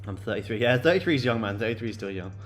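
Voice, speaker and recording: Very fast and expressive, a lowish male voice belongs to a late-twenties host of a day-trading stream who chats loosely with his audience, peppering it with fillers and repeated words. Soft music runs in the background.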